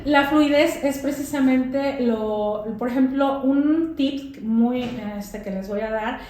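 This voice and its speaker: A woman, a guest English teacher, explaining with examples in a casual interview and pausing to find her words. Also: sits high, darkish tone. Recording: very echoey room with faint noise.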